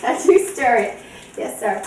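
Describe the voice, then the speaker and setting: A woman's voice: a little high, lively intonation, measured pace, darkish tone. A woman hosting a home cooking demonstration in her kitchen, chatty and giggly as she walks through each step. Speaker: cooking show host. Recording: echoey kitchen, distant mic, faint noise.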